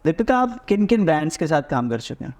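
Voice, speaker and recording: A man hosting a podcast, asking friendly questions in a relaxed way and mixing English into his talk. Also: on the high side, fast talker. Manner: friendly questioner, says yaar often, mixes English in. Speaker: podcast host. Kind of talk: casual interview questions.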